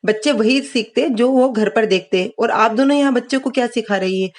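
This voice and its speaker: A woman reading as a calm, wise mother. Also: on the high side, a little fast, close to an everyday voice. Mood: calm advice. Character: calm, wise middle-aged mother who lectures gently.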